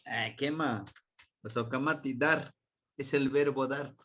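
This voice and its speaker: A man with a Mexican Spanish accent teaching a language class, repeating words slowly and quizzing his students. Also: mid-range voice, fairly even intonation, a bit bright. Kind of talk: classroom grammar lesson.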